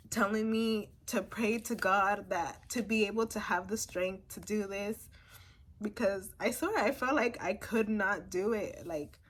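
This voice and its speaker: Young woman bluntly retelling a story. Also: mid-range voice. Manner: blunt, swears freely, talks in run-on recounting. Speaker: vlogger. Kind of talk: casual storytelling.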